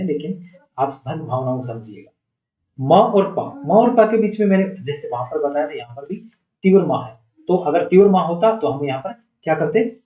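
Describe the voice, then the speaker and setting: A man teaching music theory, who asks the class questions and answers them himself. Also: a little high. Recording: dull, echoey room sound.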